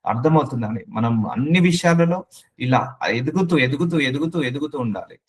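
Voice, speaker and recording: Guy pastor preaching to a small church crowd, repeats stuff for emphasis, drops english words in, mid pitch. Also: animated, moderate pace, breathy edge. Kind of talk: sermon. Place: church gathering of about thirty people.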